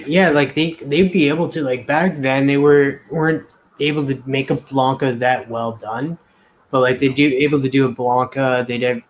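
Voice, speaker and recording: A man's voice: medium pitch, slight background noise, poor audio. Rambling man in a casual drawing chat. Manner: rambling and hesitant, full of fillers and restarts. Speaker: co-host of a drawing talk show.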